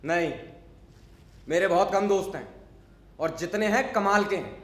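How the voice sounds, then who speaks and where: A man's voice: sits high, moderate pace, reverberant, lightly acted. A man acting a grumpy, unsociable neighbor in a stage monologue, talking in a scolding, sarcastic, lecturing way. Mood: dismissive. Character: grumpy unsociable male neighbor, middle-aged. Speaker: stage actor. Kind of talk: theatrical monologue.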